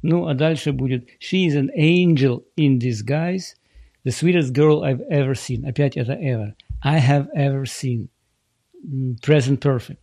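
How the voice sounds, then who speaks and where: A man with a dark, mellow voice that has a gravelly edge, leading a relaxed English lesson over a shared screen. He explains things patiently and slows down to repeat English words. The sound is close and dry. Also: medium pitch, dry recording. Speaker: English teacher.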